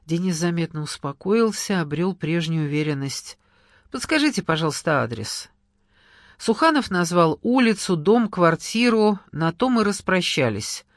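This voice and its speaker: A woman with a fairly low voice delivers scripted audiobook narration in an even, measured storytelling style. The studio-quality recording is dry.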